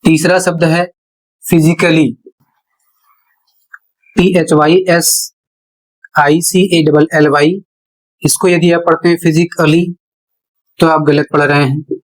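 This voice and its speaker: A man's voice: fairly high pitch, level tone, slow, pauses often, rough recording. A man teaching English pronunciation at a board in a classroom-style lesson. He spells words out letter by letter and poses questions that he answers himself.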